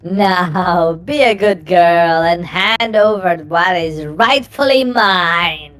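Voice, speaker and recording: Woman voicing a slow, menacing witch mother. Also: on the low side, fairly bright tone, faint music behind. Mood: smug. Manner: condescending, drawn-out taunts. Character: menacing witch mother, gloating villain sorceress.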